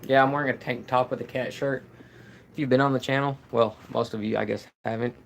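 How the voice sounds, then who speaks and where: Gravelly monotone man chatting. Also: mid-range voice, a little fast, slight background noise. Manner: monotone, rambling with fillers. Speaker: fishing channel host. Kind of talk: casual live stream chat.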